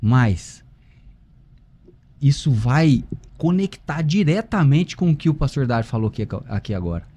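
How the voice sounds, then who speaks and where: A man's voice: mid-range voice, very animated, unhurried, mellow. A Brazilian man speaking with a swollen lip, hosting a conversational interview. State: swollen lip after a biopsy. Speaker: podcast host.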